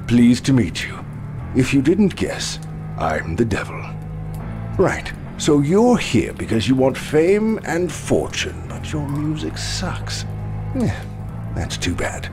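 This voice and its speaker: A sly british devil for a video game, sardonic, really animated pitch, takes his time. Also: exaggerated voice. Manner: theatrical, drawling, teasing. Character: smug, theatrical, sardonic male devil making deals. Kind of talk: video game character acting. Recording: game audio with music behind.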